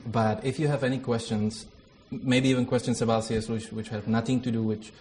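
A theology lecturer from the Czech Republic, speaking with a Czech accent, opens a workshop informally and includes a prayer. His medium-pitched, darkish voice is level and fairly quick, with slight background noise. He is hesitant, uses a lot of fillers, and makes fun of himself.

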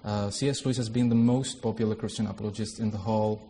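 A fairly low, dark male voice moves at a quick pace with a steady tone, with a little hiss or hum behind it. The speaker is a Czech theology lecturer with a Czech accent opening an informal workshop with a prayer. He is hesitant and self-deprecating and uses many fillers.

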